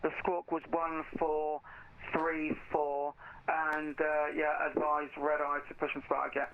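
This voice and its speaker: A man's voice: fairly high pitch, monotone. Man controlling traffic over a noisy voice channel. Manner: clipped, measured controller delivery. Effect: heard through an online radio voice channel. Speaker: online air traffic controller. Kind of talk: radio phraseology on a voice network. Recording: lo-fi, noisy radio voice link.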